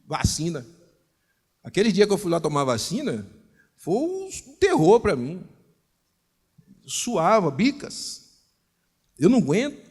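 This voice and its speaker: A Brazilian pastor with a high-pitched voice preaches as a lively storyteller, acting out each exchange as he goes. The long reverb of a large church hall rings around him. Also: a little slow, pauses often, husky. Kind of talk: storytelling sermon.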